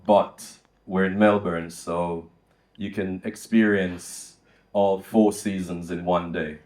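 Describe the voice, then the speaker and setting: An older man from Jamaica, hosting a live on-stage chat with a small audience and speaking in a measured way with many ums. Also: low-pitched, fairly even intonation, a little mellow, reverberant. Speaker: host. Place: music lounge venue with a small audience.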